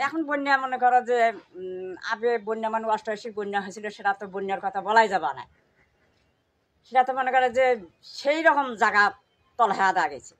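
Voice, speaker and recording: A woman's voice: on the high side, expressive, fairly quick, long pauses. Old village woman, rural northern Bangladeshi accent. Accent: rural northern Bangladeshi (Gaibandha). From Gaibandha district, northern Bangladesh. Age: older. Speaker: villager interviewed about floods. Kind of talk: unscripted personal testimony.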